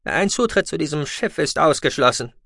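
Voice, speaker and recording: A man's voice: a little high, animated, moderate pace, vocal fry, fairly bright tone, dry recording, clean studio sound, pitched above the performer's own voice, full character voice. A man voicing a nervous but determined male alien doctor in a science-fiction audiobook, talking earnestly. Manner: nervous, then theatrically earnest.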